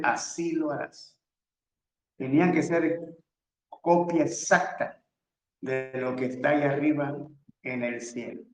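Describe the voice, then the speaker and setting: Slow, higher-voiced man teaching scripture. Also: reverberant, low-quality recording. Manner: methodical, repeatedly tells listeners to underline and circle words. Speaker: Bible teacher.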